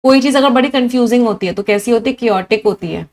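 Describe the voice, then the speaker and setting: Her pitch sits fairly high and she talks quickly. In a live online English class, this energetic teacher mixes Hindi with English, runs through long lists of synonyms, and keeps putting questions to her students.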